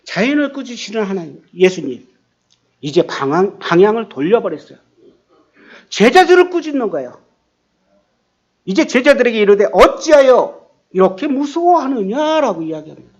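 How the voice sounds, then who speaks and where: A man's voice: fairly quick, long pauses, highs cut off. A man pastor preaching a sermon, acting out quoted lines with sudden bursts of volume. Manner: animated, acts out quotes with rising pitch and volume.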